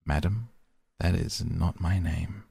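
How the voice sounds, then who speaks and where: Man doing a little male dwarf, curt, petulant, gravelly low voice, dry. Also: fairly even intonation, slow pace, mellow, no room sound, full character voice.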